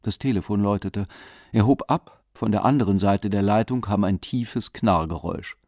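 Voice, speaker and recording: Low-voiced male audiobook narrator. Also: normal speed, darkish tone, no room sound, clean studio sound. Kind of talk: scripted narration.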